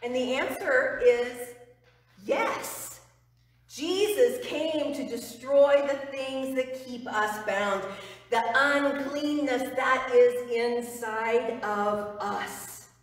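A middle-aged woman pastor preaches in a slow, unhurried way, her slightly high voice earnest and emphatic, sinking to a hush on key phrases. She is picked up by a far camera mic in a church sanctuary, with long, echoing reverb around her. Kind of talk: sermon. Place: church sanctuary before the altar.

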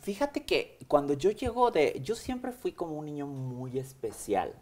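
Seated in an armchair in a small studio, this interview guest is a hair extension stylist in his thirties with a Mexican Spanish accent. His pitch is fairly high and his pace measured as he shares his story casually and lively, hands moving and fillers frequent.

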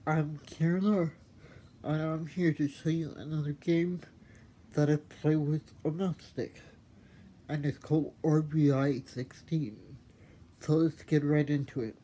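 A middle-aged man with a husky voice hosting a gameplay demonstration, explaining simply and deliberately. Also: fairly high pitch, fairly even intonation, mellow, slight background noise. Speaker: host showing a mobile game.

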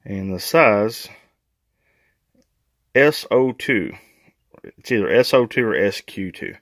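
A man's voice: lowish voice, expressive, slow pace. A man hosting a casual home renovation vlog, chatting informally while showing tools and work. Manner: chatty, informal, laughs at own jokes. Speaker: channel host, DIY renovator. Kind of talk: casual DIY vlog narration. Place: mobile home and workbench indoors.

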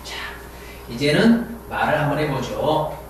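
A man's voice: fairly high pitch, unhurried, a little hiss or hum. A man teaching an English lesson, explaining grammar and drilling each word by repeating it. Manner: animated, drills words by repeating them several times. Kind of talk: classroom lecture explaining grammar and vocabulary. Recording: echoey room, voice from a distance.

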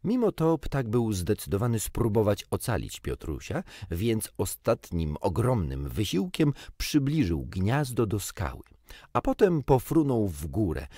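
Slow, expressive husky male storyteller. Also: fairly low pitch, dry recording, studio quality. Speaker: audiobook reader. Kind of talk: storybook narration.

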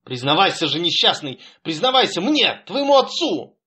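Stern middle-aged father, grave and accusing, somewhat high voice; male reader doing him. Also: animated, fairly bright tone. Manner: grave, accusing, at times slow and heavy. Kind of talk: audiobook character reading.

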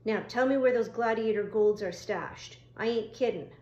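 A woman reading an audiobook, voicing a dim, greedy teenage bully with a gruff, swaggering, patronizing manner. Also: a little high, normal speed, a little mellow, highs cut off, lightly acted. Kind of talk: audiobook character voice. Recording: roomy echo.

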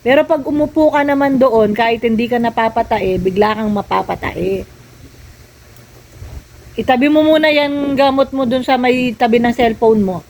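A woman's voice: fairly high pitch, normal speed, a little mellow, low-quality recording. An older woman vlogging at home, nagging and scolding a younger relative in casual talk. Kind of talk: casual family vlog, scolding.

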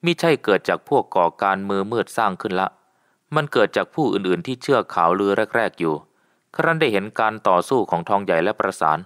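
A man reading a ghost story aloud in a low voice. He keeps a steady, measured storybook delivery throughout. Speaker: audiobook narrator. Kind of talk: scripted narration.

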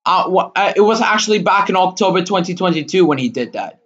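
A man hosting his own channel, delivering an indignant, rambling rant full of fillers and halting restarts, with sudden outbursts. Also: high-pitched, animated, fairly bright tone. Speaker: channel host. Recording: dull lo-fi recording.

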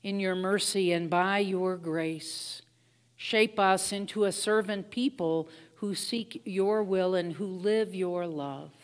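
A woman pastor leading liturgical prayers in a slow, measured way, heard with a cathedral-like church echo. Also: mid-range voice. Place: church sanctuary. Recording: long church-hall reverb.

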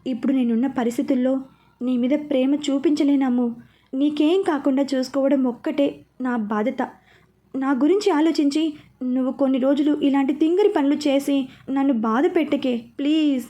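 A woman voicing a protective, quick-tempered young man who scolds out of worry. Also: sits high, fairly even intonation, dark tone, natural voice. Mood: tender. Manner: scolding, anxious.

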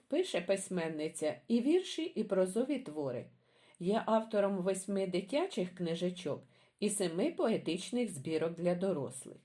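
Бібліотекарка виразно читає дитячі віршики та розповідає про авторку. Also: female voice, fairly low pitch. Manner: expressive, storytelling. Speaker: librarian. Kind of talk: reading children's poems aloud.

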